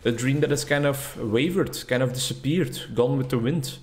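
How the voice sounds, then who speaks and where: A young man from the Netherlands or Flanders, a native Dutch speaker, gives casual gameplay commentary as a YouTuber, wandering and reflective and poking fun at himself. His voice is medium-pitched with a darkish tone at a moderate pace.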